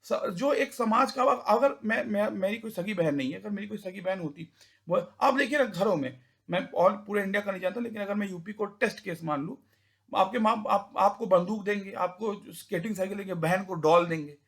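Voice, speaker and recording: A young man giving an informal talk, rambling with many restarts and repeated words, and now and then taking on a rough rustic voice to act out village elders. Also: high voice, fairly quick, a bit bright.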